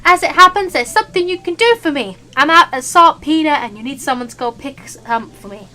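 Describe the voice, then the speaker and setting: Woman putting on a brusque, high-pitched bossy chef. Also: expressive, a little fast, sharp tone, soft background music. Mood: bossy, irritated. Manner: brusque, commanding. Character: bossy, short-tempered chef barking at an intruder. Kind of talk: character voice in a game read-aloud.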